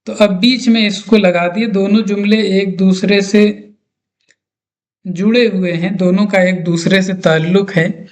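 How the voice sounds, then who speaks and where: A male teacher with a fairly high voice explains grammar at an unhurried, measured pace. He walks patiently through each example, step by step. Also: fairly even intonation. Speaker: English teacher.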